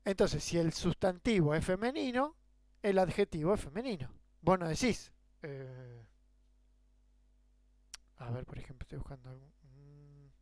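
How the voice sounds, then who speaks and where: A man's voice: on the high side, animated, measured pace, long pauses, darkish tone, dry recording. A man with a Rioplatense Spanish accent giving a grammar lesson, explaining with rhetorical questions and worked examples. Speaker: teacher. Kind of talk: grammar lecture.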